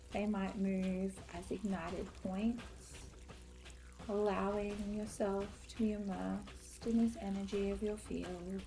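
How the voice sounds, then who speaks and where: A woman leading a spiritual guided meditation in a soft, soothing, airy mystical-healer manner, with long pauses between short phrases. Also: medium pitch, rough recording.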